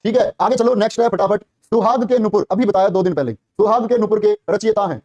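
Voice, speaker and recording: In a high-pitched voice with no room sound, a man teaches a live online class for a police exam. He fires quick questions at students, repeats each answer and praises them warmly, calling them brother and child.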